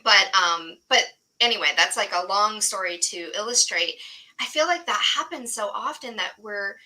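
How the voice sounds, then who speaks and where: A woman guest on a podcast, telling a story in an animated way with lots of fillers and quoted dialogue. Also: mid-range voice, moderate pace, low-quality recording. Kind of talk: storytelling in conversation.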